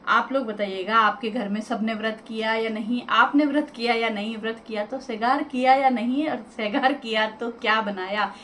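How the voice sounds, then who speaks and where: A woman's voice: a little high, fairly even intonation, normal speed, hardly any pauses, fairly bright tone, a little hiss or hum. A woman, chatting casually to viewers in a home vlog. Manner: chatty, addresses viewers directly. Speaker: vlogger. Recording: echoey room with faint ambience.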